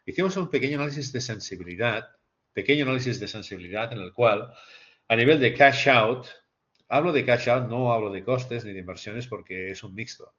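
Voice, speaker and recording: Speaking a little fast in an expressive, medium-pitched, fairly bright voice, this lecturer walks master's students through a business case over slides. He repeats phrases for emphasis and asks rhetorical questions, captured with dull, lo-fi sound.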